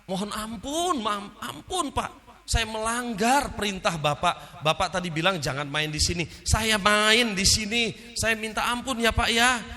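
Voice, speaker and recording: A man's voice: high-pitched, unhurried, bright, forceful tone, long reverb tail, pitched above the performer's own voice, full character voice. A man voicing a young boy stuck in a well who keeps begging his father for forgiveness. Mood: pleading. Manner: begging, repeating himself.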